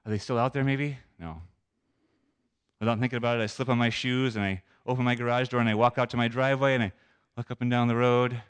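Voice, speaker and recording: A man's voice: mid-range voice, steady tone, fast, clean tone. Earnest man telling a faith story. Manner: earnest, self-deprecating, conversational. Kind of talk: personal testimony storytelling.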